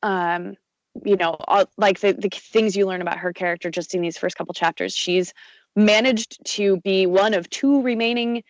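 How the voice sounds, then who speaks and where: A woman's voice: medium pitch, fairly even intonation, normal speed, dry recording, poor audio. Chatty woman narrator, dry close sound. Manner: chatty, lots of fillers and restarts, laughs easily. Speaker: audiobook narrator and voice actor. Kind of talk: conversational interview.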